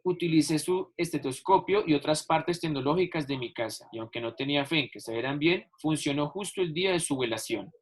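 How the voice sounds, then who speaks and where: Patient male teacher stressing words slowly. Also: a little high, lively intonation. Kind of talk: online class explanation.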